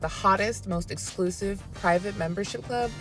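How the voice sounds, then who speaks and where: A woman giving a confident, persuasive promotional pitch. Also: moderate pace, over music. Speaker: ad spokesperson. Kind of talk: promo read.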